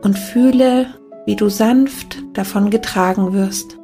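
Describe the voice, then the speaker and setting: Woman doing guided meditation, super slow n gentle, calm, music playing behind her. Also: mid-range voice, creaky. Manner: soft, calming, unhurried.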